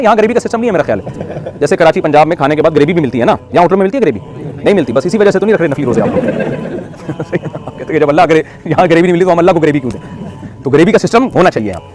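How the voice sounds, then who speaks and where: A middle-aged man delivering a sermon, animated and joking, asking the audience questions. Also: a little high. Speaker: preacher.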